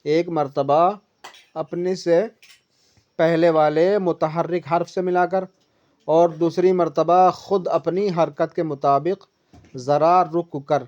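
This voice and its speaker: Captured on dull lo-fi audio, a patient woman teaches a one-on-one tajweed lesson as a Quran reading teacher. Her voice sits on the low side with a darkish tone and fairly even intonation, and she repeats explanations, asks questions, and stretches syllables to demonstrate.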